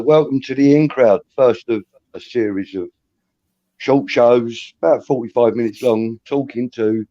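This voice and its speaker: A man's voice: fairly low pitch, warm tone, dry recording. A man hosting a casual fan chat show, telling stories with lots of ums and laughs. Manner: chatty storyteller, laughs often, says um and uh. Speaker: host of a fan talk show. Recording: dull lo-fi recording.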